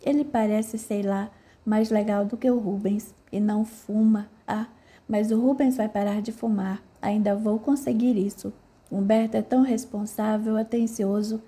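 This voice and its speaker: A woman's voice: mid-range voice, steady tone, moderate pace, dark tone, close to an everyday voice. A woman reading the inner thoughts of a shy, admiring young woman in an audiobook, in a thoughtful, musing way.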